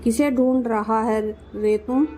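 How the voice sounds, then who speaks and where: Old village granny, shrewd and teasing, slow, sharp questions, read by a woman storyteller. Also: fairly high pitch, steady tone, slight background noise. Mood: probing.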